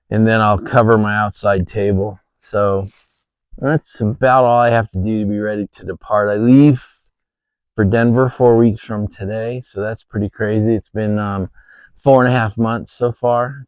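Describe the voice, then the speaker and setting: A man chatting casually to camera outdoors in his backyard, with a hesitant, pausing delivery. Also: fairly low pitch, no room sound. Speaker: vlogger.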